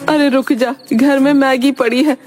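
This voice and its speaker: A woman voicing a teasing, sharp-tongued middle-aged mother-in-law in a cartoon, speaking in a mocking tone over background music. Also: high voice, fairly even intonation, unhurried, slight background noise, voice pushed up. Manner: mocking, jeering.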